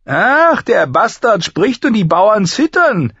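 A man voicing a cold, sneering middle-aged male master-at-arms with a sharp, booming voice and a mocking manner. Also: expressive, normal speed, no room sound, muffled recording. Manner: mocking, contemptuous.

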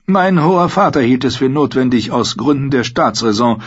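A rueful, courteous nobleman speaks formally and with measure in a raised voice, as a male reader puts him on. The tone is husky. The recording is dull and lo-fi. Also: medium pitch, lively intonation, normal speed, voice pushed up. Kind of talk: audiobook character voice.

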